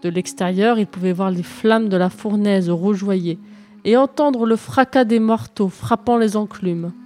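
A woman narrating a fairy tale in calm, even storybook reading. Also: mid-range voice, unhurried.

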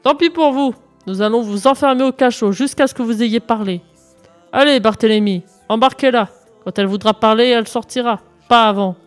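A woman's voice: a little high, a little fast, darkish tone, close to an everyday voice. A woman voicing a stern, commanding village police sergeant, over faint music.

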